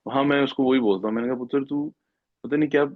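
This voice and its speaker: At a satsang, a middle-aged devotee earnestly retells a devotional story as a testimony, acting out what people said and occasionally switching into English. His medium-pitched voice is fairly even and quick, and the recording is dry and tinny, like a phone, with no echo.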